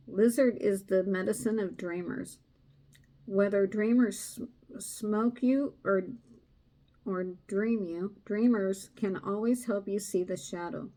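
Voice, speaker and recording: A soft-spoken woman giving a casual tarot reading, hesitant with many fillers, reading aloud from a card book. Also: mid-range voice. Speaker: tarot reader.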